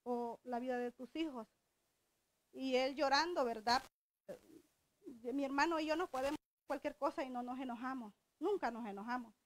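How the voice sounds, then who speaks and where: Woman preacher from El Salvador, middle-aged, high voice, conversational sermon delivery, dry close recording. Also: normal speed, long pauses, no room sound. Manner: conversational, asks the congregation questions.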